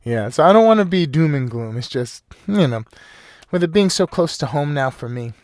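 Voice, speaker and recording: A man's voice: fairly high pitch, animated, moderate pace, dry recording, studio quality. A man hosting a casual solo podcast, rambling loosely with lots of "you know" and frequent laughs. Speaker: podcast host.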